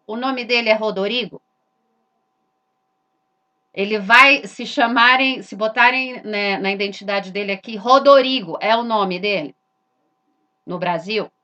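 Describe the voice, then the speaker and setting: A woman's voice: medium pitch, bright, forceful tone, dull audio. A woman, giving an explanatory lesson that points at letters and poses rhetorical questions she answers herself. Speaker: religious teacher.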